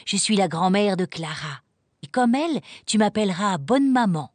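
A woman voicing a cheerful, kindly grandmother in a storybook reading, with a bright, welcoming tone. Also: medium pitch, expressive, normal speed, no echo, lightly acted. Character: warm, cheerful older grandmother.

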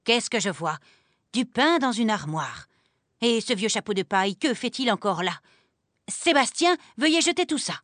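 A woman voicing a shrill, outraged housekeeper. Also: big pitch swings, normal speed, a bit bright, no echo. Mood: scornful. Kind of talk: storybook reading.

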